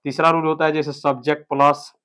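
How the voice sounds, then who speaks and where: A man's voice: a little high, little pitch movement, a little fast, pushed and bright, clear, resonant tone. Man teaching grammar, step by step. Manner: explains step by step, keeps checking with "ठीक है". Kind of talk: online grammar lesson.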